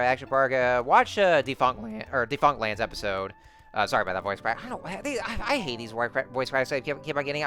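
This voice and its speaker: A man's voice: medium pitch, sharp tone. A man giving casual, rambling game commentary full of fillers and restarts. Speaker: let's-play host.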